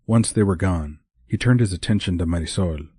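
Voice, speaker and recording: A man narrating a romantic comedy audiobook in a measured, even reading. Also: low voice, breathy edge, no echo, studio quality.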